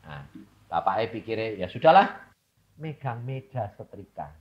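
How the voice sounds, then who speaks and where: An older male evangelist preaching a sermon and telling a story, with big swings from loud shouting to hushed low tones. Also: very animated, moderate pace. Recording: dull lo-fi sermon recording.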